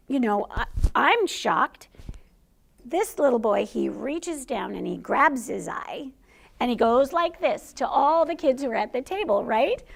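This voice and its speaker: A middle-aged woman who works as a teacher tells an audience a personal story in a conversational style, laughing through the funny parts. Her voice is fairly high and gravelly.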